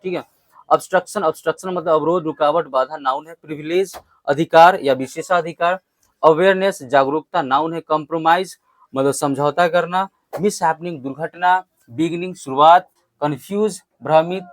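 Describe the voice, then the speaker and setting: A man's voice: a little high, dry recording. A young male English teacher giving a vocabulary lesson, spelling each word out letter by letter and having the class repeat it back. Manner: call-and-response drilling, spells words letter by letter.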